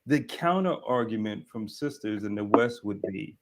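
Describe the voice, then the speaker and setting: Low-pitched male host asking questions. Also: lively intonation, moderate pace. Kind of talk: interview questions.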